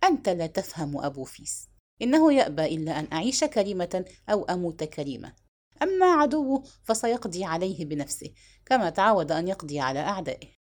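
A woman reading the part of a young, proud captive princess who gives curt, cold, sharp replies. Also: on the low side, big pitch swings, fast talker. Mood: defiant.

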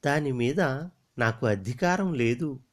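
A young flowering creeper maiden from a storybook, her voice pitched high and pleading, as a man puts her on. She speaks slowly and tearfully, hurt and torn. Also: lively intonation. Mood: reluctant. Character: young female flowering creeper, tender and grieving.

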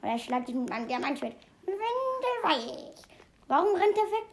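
A woman chatting excitedly while playing a video game, exclaiming often and rambling between facts. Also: sits high, very fast, a little hiss or hum. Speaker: game player. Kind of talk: casual gameplay commentary.

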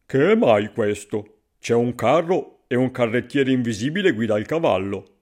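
Brief: a scheming greedy stranger for a fairy tale, loud and sly, voiced by a man. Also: medium pitch, expressive, normal speed, close to an everyday voice.

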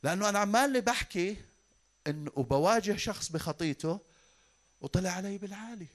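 Fast, high-voiced fervent Levantine pastor. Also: male voice. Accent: Levantine Arabic. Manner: animated, fervent, addresses the flock warmly. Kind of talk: sermon. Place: church pulpit.

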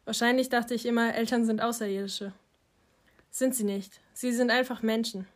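Audiobook reader: woman, a touch high, calm and even. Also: normal speed. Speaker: audiobook narrator. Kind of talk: first-person audiobook narration.

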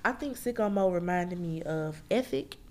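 A woman from Memphis, Tennessee hosts a casual book review, her voice low and deep at a moderate pace, with a slight hiss or hum in the audio. She's chatty and slangy, talking to listeners as friends.

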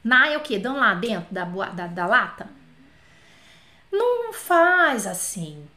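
A Brazilian woman teaching French on a casual live stream, telling anecdotes in a chatty, animated way and talking straight to her viewers. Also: mid-range voice, normal speed.

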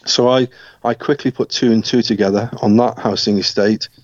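A middle-aged man from Scotland recounts his life story as an interview guest. His voice sits low and stays flat, and he speaks in a measured, reflective way with small restarts. The recording is dry and a little muffled. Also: no room sound.

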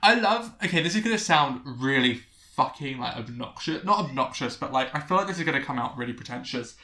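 Bright-voiced young man, rambling. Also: mid-range voice, animated, fairly quick, echoey room. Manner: rambling, self-correcting, sweary. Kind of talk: casual chat.

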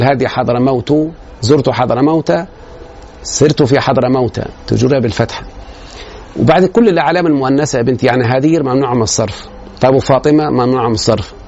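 A man's voice: medium pitch, creaky, a little mellow, muffled recording. A man with an Egyptian Arabic accent giving a grammar lecture to a class. He explains step by step and keeps checking that his students follow.

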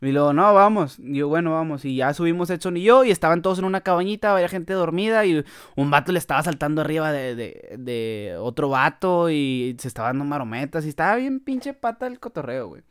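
A man's voice: on the high side, expressive, fast talker, clean tone. A man with a Mexican accent, hosting a podcast and telling a story in casual comic style, full of crude slang and frequent laughter. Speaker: podcast host.

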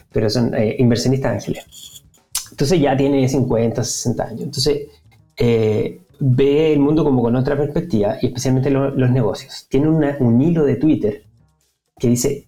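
A man's voice: medium pitch, mellow. A man with a Chilean accent, a podcast guest chatting casually with plenty of fillers and restarts. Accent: Chilean Spanish. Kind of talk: casual interview chat.

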